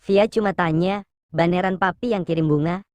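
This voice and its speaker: A woman's voice: fairly low pitch, steady tone, normal speed, darkish tone, dry recording, lightly acted. A woman reading an audiobook, voicing a nervous young woman who stammers and hesitates. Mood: flustered. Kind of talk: audiobook character voice.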